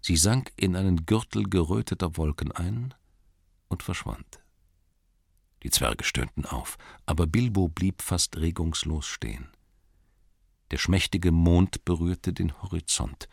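A man narrating an audiobook in a slow, deliberate way, rising for tense moments and dropping to a hush. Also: low voice, lively intonation, creaky, husky, dry recording, clean studio sound. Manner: slow, deliberate, with dramatic rises and hushed drops. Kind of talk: scripted narration.

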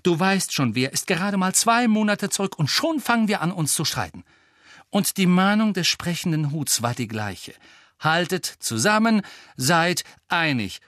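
A clever, bossy teenage witch who lectures her friends in a raised, brisk voice, as a male audiobook narrator puts her on. Her pitch climbs well above his own and swings widely. The sound is dry and close. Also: sing-song, fairly bright tone, dry recording. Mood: lecturing. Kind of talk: audiobook character voice.

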